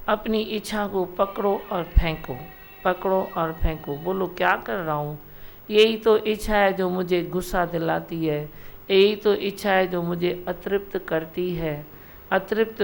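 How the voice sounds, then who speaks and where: A woman's voice: lowish voice, creaky. A woman spiritual teacher giving a devotional satsang discourse, exhorting her listeners directly and repeating her points. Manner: repetitive exhorting, direct address. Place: satsang hall.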